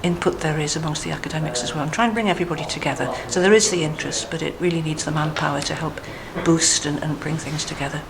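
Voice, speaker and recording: A woman's voice: deep voice, fairly even intonation, fast talker, vocal fry, hardly any pauses, background noise. A woman with a fairly standard English accent, explaining things in an interview as a society official, with hesitant, thoughtful phrasing. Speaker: society vice president, piper. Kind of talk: spoken interview explaining an event. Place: inside a museum at a public gathering. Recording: busy crowd chatter behind.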